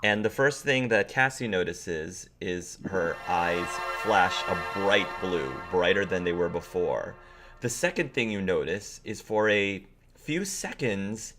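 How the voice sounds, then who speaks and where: Low-voiced man running a tabletop game. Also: animated, slow pace, over music. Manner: casual, conversational. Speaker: game master.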